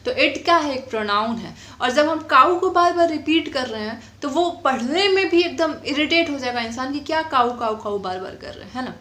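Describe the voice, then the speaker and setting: A woman's voice: sits high, lively intonation, pushed and bright, echoey room. A woman teaching an English grammar lesson, explaining patiently and often checking whether her students have understood. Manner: explains patiently, asks frequent check questions; dictates definitions slowly. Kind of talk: classroom-style grammar lesson.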